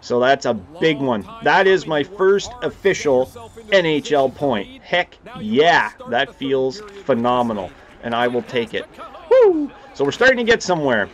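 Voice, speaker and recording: A young man hosting a gaming channel, giving live commentary on a hockey video game and reacting loudly to each play. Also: a little high. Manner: excitable, reacts loudly to plays.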